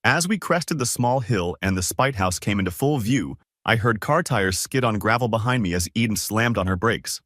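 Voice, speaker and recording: A man's voice: on the low side, expressive, moderate pace, fairly bright tone, no echo, studio quality. A man reading a first-person story aloud in a casual, conversational way. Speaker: narrator.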